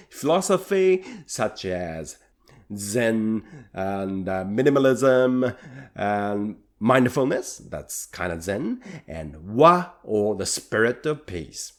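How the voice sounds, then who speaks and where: A Japanese man with a Japanese accent, a rakugo performer, hosts a solo podcast, speaking earnestly and reflectively with light self-deprecating humour. His voice has a medium pitch.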